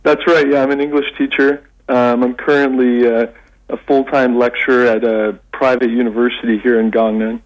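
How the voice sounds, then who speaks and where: A middle-aged Canadian man speaking over a radio phone line, his voice at an ordinary middle pitch. He talks in a halting, easygoing way, stopping and restarting as he gathers his thoughts. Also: flat delivery. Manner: halting, with many restarts and fillers. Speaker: radio guest, English lecturer.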